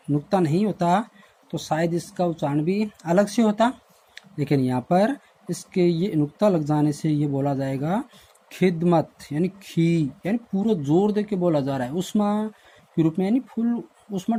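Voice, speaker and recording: A man teaching a lesson to schoolchildren in a recorded online class, explaining word meanings slowly and repeating himself. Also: high voice, dark tone. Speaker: Hindi teacher.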